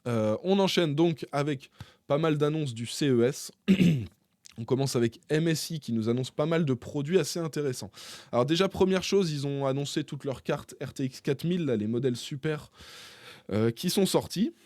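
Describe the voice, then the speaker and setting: A man presenting tech news to his viewers in a casual, chatty way, often pausing on fillers as he talks. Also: on the high side, a little mellow, dry recording, studio quality. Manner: chatty, hesitant, frequent filler pauses; addresses viewers directly. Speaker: tech YouTuber.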